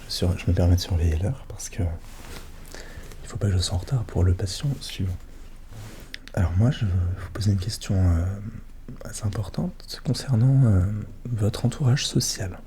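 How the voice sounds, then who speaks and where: Man, ASMR role-play, soft-spoken ASMR psychologist, very mellow, hushed, attentive questions, slight background noise. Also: on the low side, normal speed. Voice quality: soft, hushed voice drifting into speaks softly. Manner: gentle, attentive questioning with short murmured acknowledgements.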